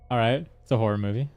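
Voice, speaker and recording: A man's voice: on the low side, darkish tone. A man giving casual gameplay commentary, rambling with joking asides. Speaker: game streamer. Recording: faint game music behind.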